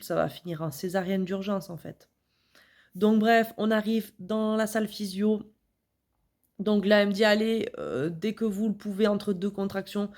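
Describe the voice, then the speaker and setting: A woman's voice: medium pitch, darkish tone. A young woman vlogger casually and dramatically retelling her own birth story, acting out her thoughts.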